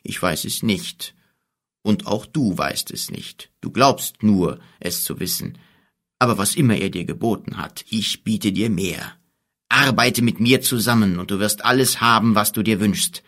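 Man reading as a slow, scheming old wizard. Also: on the low side, fairly bright tone. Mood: calm persuasive. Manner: slow, measured, coaxing. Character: old scheming male wizard, smooth persuader.

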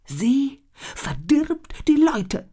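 A narrator voicing a fanatical old male desert shaman who cries out in a shrill, strained voice, in an audiobook reading. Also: lively intonation, measured pace, breathy edge. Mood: whining.

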